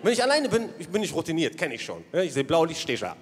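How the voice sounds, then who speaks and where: A man doing stand-up storytelling on a comedy stage, animated and bursting into shouts. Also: a little high, racing. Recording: live stage with hall reverb and audience.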